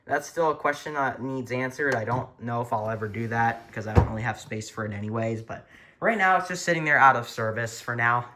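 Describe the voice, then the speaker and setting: A man hosts a rambling, self-correcting show-and-tell about his hobby indoors, in a small furnished room at home, holding the camera or phone himself. He talks briskly in a medium pitch over a noisy background.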